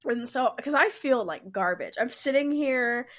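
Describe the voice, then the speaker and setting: Unhurried and animated, her voice sits high as she rambles through a story on a podcast she co-hosts. She's in her twenties, laughs often in the casual chat, and acts out the quotes.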